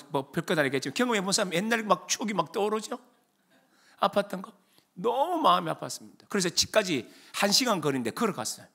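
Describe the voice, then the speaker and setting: A high, bright-toned older man preaching. He tells stories and acts out voices. His pitch leaps widely, from hushed asides to shouts. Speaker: pastor. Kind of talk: sermon.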